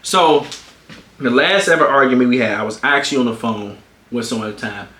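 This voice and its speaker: A streamer in his twenties tells a story in a casual, animated way, talking a little fast and swearing freely. His voice jumps high when he gets worked up, and the room has a roomy echo.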